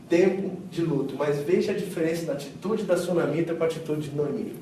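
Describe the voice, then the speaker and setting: A man preaching a sermon as pastor, telling the story with lively acted-out quotes and swings between loud and hushed. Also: fairly high pitch, slight background noise. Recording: echoey hall miked from a distance.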